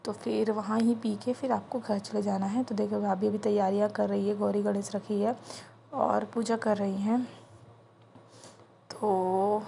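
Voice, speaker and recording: A young woman records a vlog on her phone at an indoor home puja and chattily explains each ritual step. Her voice is gravelly and mellow and stays quite flat. Faint noise sits under the recording. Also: mid-range voice. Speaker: vlogger. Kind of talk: casual vlog narration.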